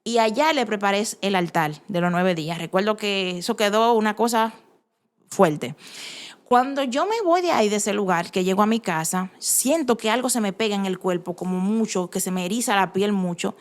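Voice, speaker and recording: A woman with a lilt recounts her own story of faith. Her voice sits at a middle pitch, and she speaks earnestly and with emphasis, circling back and restarting her phrases as she goes. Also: lively intonation, moderate pace. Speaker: testimony giver. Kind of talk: personal faith testimony.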